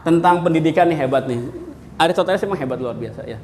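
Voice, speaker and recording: A man from Indonesia, a university lecturer, giving a classroom lecture in an animated storytelling manner, asking his students questions. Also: a little high, fast. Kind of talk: classroom lecture with jokes and anecdotes.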